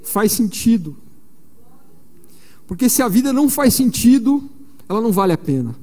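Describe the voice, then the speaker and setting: A man's voice: very high-pitched, very animated, moderate pace, darkish tone. A man in his forties from São Paulo, preaching at a missionary conference in a chatty storytelling way, full of fillers. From São Paulo, Brazil. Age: 40s. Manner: conversational storytelling with frequent fillers. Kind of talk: conference sermon. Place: large church. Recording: long reverb of a large church hall.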